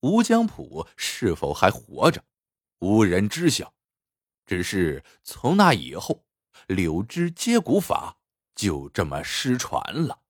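Slow, husky male storyteller. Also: lowish voice, dry recording, clean studio sound. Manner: slow, expressive storytelling with a sign-off to listeners. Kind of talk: storytelling narration.

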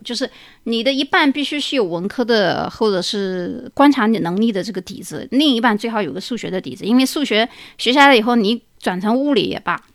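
A woman's voice: on the high side, a bit bright, dry recording, studio quality. A woman hosting a talk show, explaining things at length through many examples and often dropping in a filler "ah". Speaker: podcast host.

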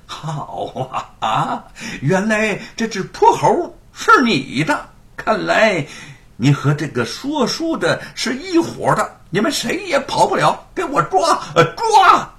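A man's voice: high voice, wildly swooping pitch, extremely slow, fairly bright tone, pitched above the performer's own voice, heavily acted. A man voicing a bullying male yamen constable chief who barks threats and orders. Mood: furious. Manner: barking, threatening.

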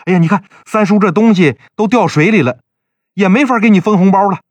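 An earnest younger brother with a quick temper, voiced by a male storyteller. His voice swings widely in pitch and sounds dry and close. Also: big pitch swings, husky, no room sound. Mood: delighted. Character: loyal younger brother, indignant and warm.

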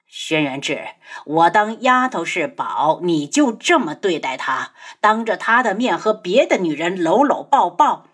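A fierce male sect leader sneers and threatens in a lowered, scornful voice. A woman narrator does him in a storybook reading with a lively, swinging pitch. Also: moderate pace, husky.

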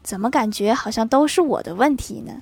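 Woman telling funny stories, lively. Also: fairly high pitch, fairly quick, gravelly, background noise. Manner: lively, switches voices for quoted characters, laughing asides. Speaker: joke narrator. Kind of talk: storytelling funny anecdotes with quick asides.

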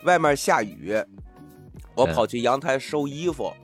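A man's voice: medium pitch, very animated, unhurried, soft background music. A man in casual chat telling a pun joke, stumbling over his words and restarting. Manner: stumbles and restarts, then retells plainly.

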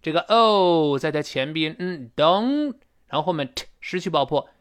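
A man teaching English pronunciation in a recorded lesson, explaining and modeling phrases slowly and repeatedly. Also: a little high, clear, resonant tone. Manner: explains in a lively, rising-and-falling teacherly voice.

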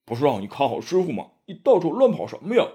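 A man's voice: medium pitch, huge pitch swings, moderate pace, a little mellow, pitched above the performer's own voice. A man voicing Zhu Bajie, a boastful, lazy pig-faced monk who squabbles and blusters, in a storybook reading. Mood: scolding. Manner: blustering, quarrelsome.

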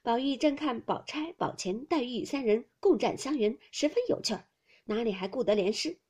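A woman reading a classical novel aloud as audiobook narrator, reciting the verse lines slowly and measuredly. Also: a little high, lively intonation, a little mellow, breathy edge.

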